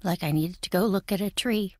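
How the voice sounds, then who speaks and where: An actress voices a chatty, impulsive young woman for a video game, breezy, wry and self-dramatizing in a lightly acted, conversational style. Her mid-range voice moves a little fast, recorded with studio quality and no room sound.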